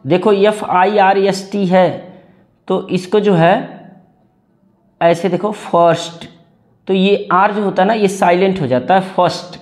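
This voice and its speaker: A man's voice: high voice, fairly even intonation, unhurried, long pauses. A man with an Indian accent teaching English reading word by word and having students repeat after him. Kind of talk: slow read-along English lesson in Hindi.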